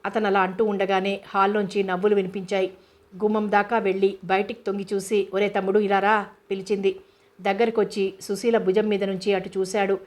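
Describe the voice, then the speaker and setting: A woman narrating a novel as an audiobook in a steady, measured reading voice. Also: mid-range voice.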